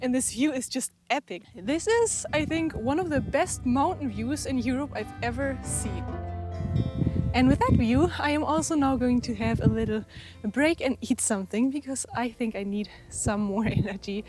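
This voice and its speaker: A young travel vlogger with a distinctive way of talking chats eagerly to the camera on a mountain hike, slightly out of breath. Her voice is high-pitched at a normal pace, with music playing underneath.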